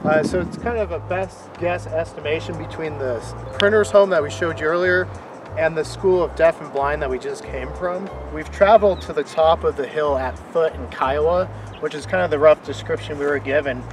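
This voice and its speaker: Man, enthusiastic vlog co-host, slightly high voice, mic at a distance outdoors, over background music. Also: normal speed. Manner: enthusiastic, chatty. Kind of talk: casual on-location presenting. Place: outdoors on a residential street.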